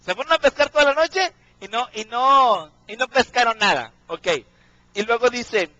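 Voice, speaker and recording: A man's voice: extremely high pitch, moderate pace, bright, forceful tone, no room sound, poor audio. A man preaching a sermon, often asking his congregation questions and checking in with them.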